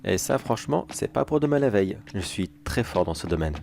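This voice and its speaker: A man's voice: lowish voice, lively intonation, a little fast, vocal fry, noisy background. A man playing a casual, self-assured security major in a horror audio drama, musing aloud and talking to himself. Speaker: security agent.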